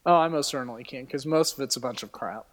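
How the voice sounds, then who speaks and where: A man in casual comedic chat, teasing his co-host with quick quips. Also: mid-range voice, a bit bright, long reverb tail.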